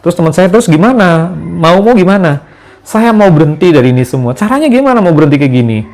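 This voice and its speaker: A man, a guest in an interview, telling his life story in relaxed conversation with some hesitations. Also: fairly high pitch, fast.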